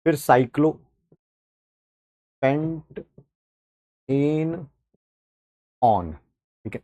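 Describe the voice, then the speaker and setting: A man's voice: fairly high pitch, expressive, very slow, warm tone, no echo, studio quality. A man with an Indian accent teaching an online chemistry class in a chatty way, talking straight to his students and mixing in English terms.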